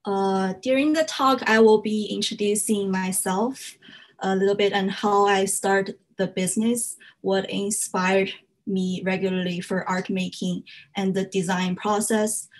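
A young woman from China, whose first language is Chinese, gives an earnest slide talk in English about her work as a fiber artist. Her mid-range voice is steady and unhurried, with frequent "uh" fillers and slightly non-native grammar.

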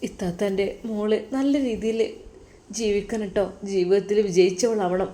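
Soft and hushed, a woman plays a grieving young wife who speaks through her tears. Her voice is warm and mellow, and her delivery stays quiet and subdued throughout. This is an audio story read aloud. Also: medium pitch, fairly even intonation, normal speed, natural voice. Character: heartbroken young woman, weeping elder sister.

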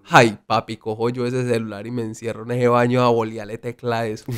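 A young man tells a story to his friends in a podcast, with lively energy, acting out what others said. His voice sits in a middle register and sounds clear and smooth. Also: mid-range voice, moderate pace. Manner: animated, acts out quoted lines. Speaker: podcast co-host. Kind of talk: casual storytelling among friends.

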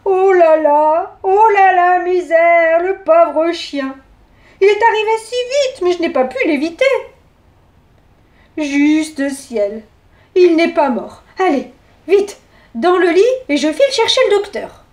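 A woman puts on a flustered, kindly grandmother from a storybook, fretting in high, quick exclamations. The voice sits well above the usual adult range and stays fussy and worried. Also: lively intonation, darkish tone, roomy sound, full character voice. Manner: fretful exclamations.

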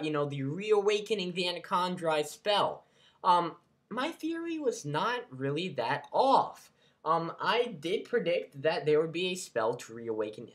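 Animated, rambling man talking on his vlog. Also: high voice. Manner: rambling, many fillers and restarts, animated. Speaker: fan channel host. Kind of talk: casual fan vlog talk.

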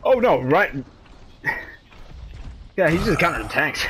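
A young man chatting casually and excitedly with teammates while gaming, laughing and cheering them on. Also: a little high, measured pace, a crowd in the background. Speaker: gamer.

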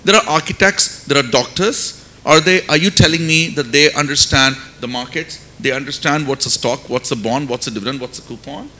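On a conference stage, a middle-aged finance academic with an Indian accent makes emphatic panel remarks into a handheld mic, firing off rhetorical questions. He talks briskly with few pauses in a pushed, bright voice, over faint noise and low rumble.

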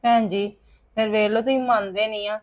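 A woman's voice: mid-range voice, fairly even intonation, a little fast, muffled recording. A woman acting an indignant mother in a family drama. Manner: indignant, protesting. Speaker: actor in a family skit. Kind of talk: scripted Punjabi family drama.

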